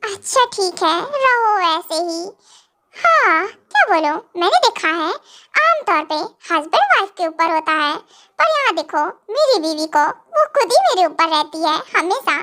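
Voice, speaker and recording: A woman's voice: extremely high pitch, very animated, measured pace, bright, forceful tone, pitched below the performer's own voice, heavily acted. A woman voicing a stern, possessive young husband in a fan audio drama, scolding and then coaxing.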